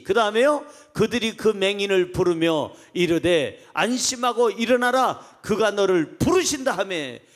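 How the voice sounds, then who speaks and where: Male pastor preaching, high voice, really lively, does voices of the crowd. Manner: animated, acts out crowd voices, calls congregation to read along. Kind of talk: sermon.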